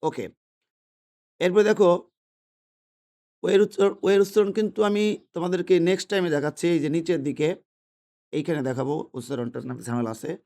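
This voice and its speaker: Indoors with a pen in hand, a male English teacher explains a grammar lesson in a slightly high, steady, warm voice, brisk but with long pauses. He is patient and repetitive, posing questions and then answering them himself.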